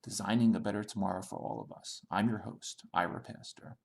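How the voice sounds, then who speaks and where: Very gravelly male show announcer. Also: fairly low pitch, steady tone, a little fast, a little mellow. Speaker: podcast host. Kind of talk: scripted show intro.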